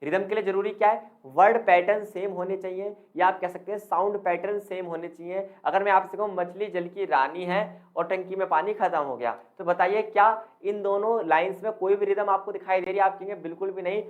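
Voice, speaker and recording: A man's voice: sits high, fairly even intonation, a little fast, few pauses, phone-quality sound. Male tutor, exam-prep lecture, rhetorical questions, calls viewers friends, English terms mixed in. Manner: keeps asking the listener questions and answering them; mixes English terms into his speech. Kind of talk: explanatory lecture.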